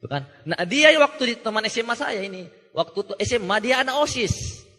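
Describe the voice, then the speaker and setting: A young man telling a joking, animated story at a motivational seminar, acting out the voices of people he quotes. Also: very high voice, a little fast. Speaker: motivational speaker. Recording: reverberant hall.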